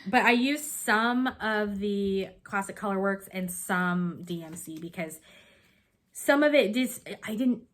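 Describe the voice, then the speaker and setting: A woman's voice: medium pitch, a little slow. A sniffly, stuffed-up woman co-hosting a casual chat, rambling and restarting her sentences as she shows her projects. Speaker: co-host showing cross-stitch projects.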